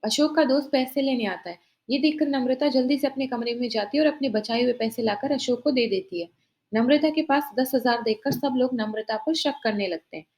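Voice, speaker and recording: A woman telling a family drama story in plain, even scripted narration. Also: high voice, brisk.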